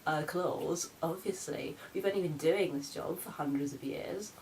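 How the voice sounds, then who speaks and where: A woman plays Santa's campy, boastful daughter in a comic vlog. The voice sits fairly low for a woman, with theatrical, sassy, self-important delivery. There is noticeable background noise. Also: moderate pace, darkish tone, low-quality recording. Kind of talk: in-character comic gift-guide vlog.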